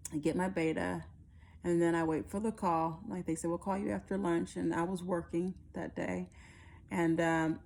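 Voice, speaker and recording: Candid woman, lowish voice, telling her story. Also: a little mellow. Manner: candid, matter-of-fact, acts out quoted voices. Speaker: vlogger sharing her IVF journey. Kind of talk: casual personal storytelling to camera.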